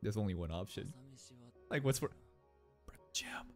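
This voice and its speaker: A young man hosting an anime reaction video, talking casually with slang and swinging between loud outbursts and low muttered asides into a studio mic. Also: huge pitch swings, normal speed, soft background music. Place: small bright indoor room. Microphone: large studio mic on a boom arm.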